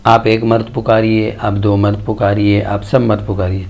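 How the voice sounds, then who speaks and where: A man recites Arabic verb tables in a low, gravelly voice. His delivery is flat and even, one form after another, like a patient classroom drill. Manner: chants verb conjugation tables in steady measured lists. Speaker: Quran and Arabic grammar teacher. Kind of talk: slow recited grammar lesson.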